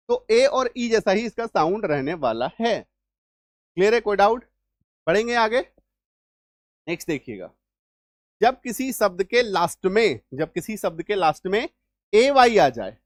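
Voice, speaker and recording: A man's voice: sits high, no room sound. A man teaching English spelling rules, repeating points and often checking that the students follow. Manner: repetitive, checks understanding often. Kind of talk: classroom-style spelling lesson.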